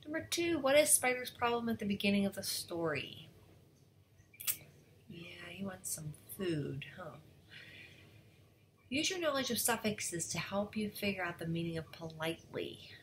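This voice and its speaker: A woman's voice: mid-range voice, moderate pace, pauses often, a little hiss or hum, poor audio. A woman teacher reading a storybook aloud to students and explaining the lesson. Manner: expressive, explaining.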